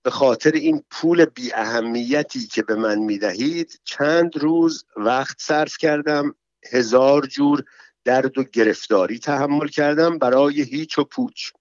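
A man's voice: mid-range voice, no echo, voice pushed up, natural voice. A man reading the lines of an angry young female cabaret dancer, in an indignant, complaining manner. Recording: dull, dry, slightly muffled sound.

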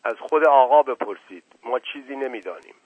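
A man's voice: mid-range voice, animated, breathy edge, no room sound. A man voicing a stubborn, dutiful male servant who answers in a dry, curt, evasive way. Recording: narrow phone-like sound.

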